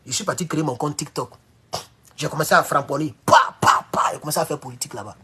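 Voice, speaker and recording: A man talking to viewers in a casual live-stream monologue. He rambles and swings between loud, high outbursts and low mutters. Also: racing, slightly rough.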